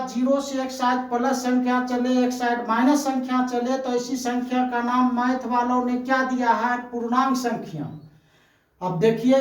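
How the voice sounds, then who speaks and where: A woman teaching a physics lesson in a drilling, repetitive way, asking a question and then supplying the answer herself. Her voice sits high with little rise and fall. The sound carries a noticeable room echo. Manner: repetitive, emphatic explaining. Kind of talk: Hindi-medium classroom lecture.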